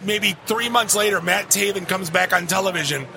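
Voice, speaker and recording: High-voiced joking man at a convention. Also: moderate pace, vocal fry. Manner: joking, rambling storyteller. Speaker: podcast host. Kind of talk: casual chat at a convention. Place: busy convention floor. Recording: noisy convention background.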